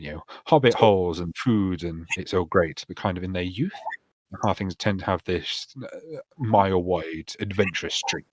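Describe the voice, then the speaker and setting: A man's voice: deep voice, no room sound. A man acting as dungeon master, explaining the setting of a tabletop campaign in a loose, rambling way full of fillers.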